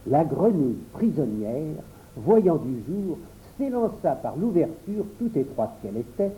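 A man reading a children's story aloud, expressive storytelling. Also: fairly high pitch, measured pace, slight background noise, low-quality recording. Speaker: narrator.

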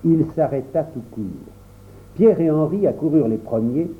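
A man reading a children's story aloud in an expressive storytelling manner, in a tinny phone-like recording. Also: a little high. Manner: animated, unhurried storytelling. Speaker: storybook reader.

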